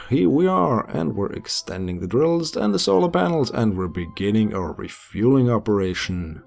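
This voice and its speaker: This gameplay commentator is a young man with a German accent, narrating his space game casually and poking fun at himself. His voice is lowish, gravelly and dark-toned, laid over faint background music.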